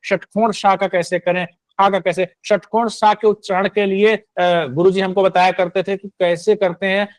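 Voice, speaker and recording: A man's voice: high voice, dry recording. Didactic Hindi-speaking male teacher. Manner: didactic, repeats points with "है ना" tag questions. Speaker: Sanskrit and astrology teacher. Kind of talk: online class lecture.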